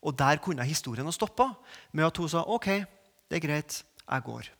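A man preaching a sermon, moving from quiet reflection to emphatic, rising peaks. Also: fairly high pitch, animated, creaky. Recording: long reverb of a large hall.

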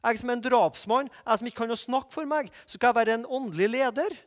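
Man acting out Moses, an old leader who stammers and doubts himself; read it high, with a long hall echo. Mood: doubtful. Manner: stammers and pleads.

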